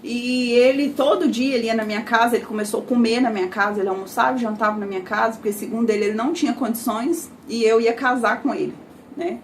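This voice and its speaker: Brazilian woman, higher register, emotional first-person testimony, chatty fillers, faint background noise. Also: fast talker. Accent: Brazilian Portuguese. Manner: emotional, frequent filler tags like "né" and "sabe". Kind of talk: personal testimony, conversational storytelling.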